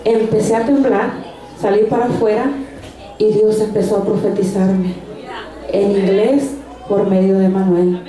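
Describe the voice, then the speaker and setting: A woman's voice: mid-range voice, steady tone, unhurried, mellow, soft background music. A woman giving a personal faith testimony at a church service, telling it earnestly with frequent restarts. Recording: echoey room sound.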